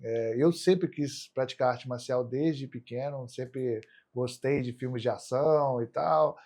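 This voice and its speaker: A man's voice: medium pitch, measured pace, warm tone. Brazilian man casually telling his story. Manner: colloquial, frequent tag questions seeking agreement. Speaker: podcast guest, martial arts athlete.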